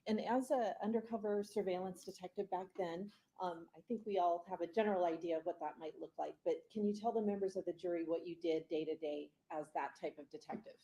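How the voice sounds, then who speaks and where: Mellow woman prosecutor questioning a witness. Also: on the low side, a little fast, few pauses, rough recording.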